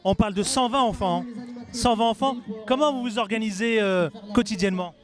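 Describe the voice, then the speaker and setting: A man's voice: high voice, fairly quick. A man presenting and interviewing on location as a television reporter, in emphatic short phrases. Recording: faint music behind.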